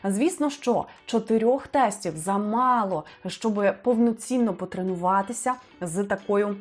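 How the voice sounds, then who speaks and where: A woman's voice: mid-range voice, unhurried, soft background music. Woman tutor walking through test answers. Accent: Ukrainian. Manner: explanatory, thinking aloud, frequent fillers. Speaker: Ukrainian language tutor. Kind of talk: test walkthrough lesson.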